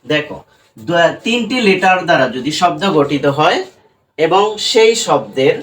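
A man's voice: a little high, sing-song, unhurried, a bit bright. A man teaching an English lesson who keeps asking his students questions and answering them himself, often ending with "right?". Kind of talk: classroom-style spoken lesson. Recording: distant mic with faint room noise.

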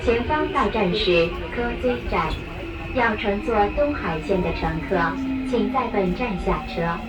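A woman giving a very slow, measured recorded train announcement over a loudspeaker. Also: medium pitch, animated. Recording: echoey loudspeaker heard from far off.

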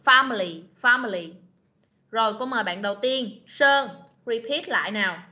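A woman teaching an online class, patiently repeating words slowly to model pronunciation. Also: on the high side, bright, forceful tone. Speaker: English teacher. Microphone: video call. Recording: lo-fi video meeting recording.

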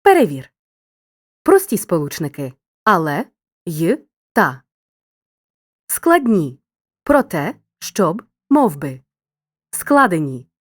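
A woman narrating a grammar lesson in a clear, scripted, teacherly way, speaking directly to the listener. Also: lowish voice, very animated, slow, long pauses, no room sound, studio quality.

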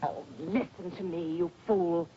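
A woman's voice: fairly low pitch, unhurried, slight background noise, close to an everyday voice. An actress playing a blunt, outspoken woman in a 1940s film, scolding and emphatic. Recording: dull old film soundtrack.

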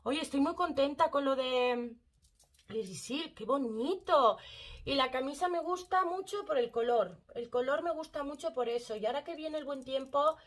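Brief: bright-voiced woman vlogger, chatty makeup demo addressed to viewers. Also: high-pitched, normal speed. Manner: chatty, addresses viewers directly, fond of diminutives. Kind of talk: casual makeup tutorial chat.

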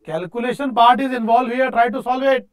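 High-pitched North Indian man teaching. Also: steady tone, fairly quick, smooth. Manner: repetitive, emphatic, questioning himself aloud. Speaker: teacher of exam-prep engineering course. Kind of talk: classroom lecture mixing English with Hindi. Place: indoor teaching studio at a digital board.

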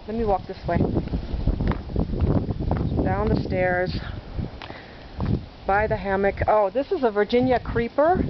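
A woman giving a chatty, self-deprecating walking tour of her sunny backyard garden, narrating as she goes. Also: mid-range voice. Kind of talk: casual walking video tour. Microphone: handheld camera mic. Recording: dull lo-fi camcorder audio with outdoor noise.

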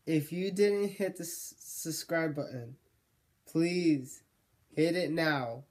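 Male vlogger, slow and unhurried, rambling and self-correcting, voice wearing thin. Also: a little high, a little mellow. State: losing his voice. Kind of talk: casual vlog monologue.

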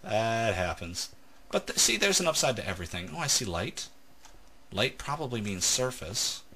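A man's voice: lowish voice, big pitch swings, normal speed, bright, forceful tone, slight background noise. A man hosting a let's play, chatting casually and telling jokes while gaming. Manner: joking, teasing storyteller. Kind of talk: casual gameplay chat.

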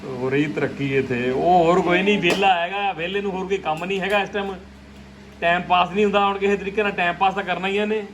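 Holding his phone as he films, a family vlogger with a Punjabi accent teases and chats casually at home, frequently repeating himself. His high-pitched voice stays steady at a quick pace, and the noisy recording has a crowd audible in the background.

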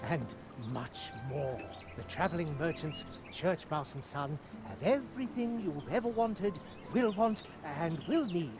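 Hammy, swooping old merchant mouse. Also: male voice, on the high side, animated, a little slow, few pauses. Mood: showy, salesmanlike. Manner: hammy stage actor, grandiose salesman's patter. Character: theatrical aging mouse merchant, chatty doting father. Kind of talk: video game character acting. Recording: music behind the voice.

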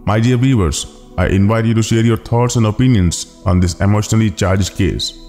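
Solemn low-voiced man narrating. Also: darkish tone. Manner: solemn, measured, earnest. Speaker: channel narrator. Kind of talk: scripted documentary narration. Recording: long reverb with background music.

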